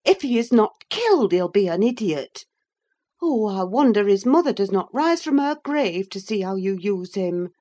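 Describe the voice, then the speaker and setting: A woman's voice: on the low side, expressive, a little slow. A woman voicing an indignant housekeeper protecting a child, her speech raised and urgent. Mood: angry. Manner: pleading, raised and sharp. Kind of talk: audiobook character reading.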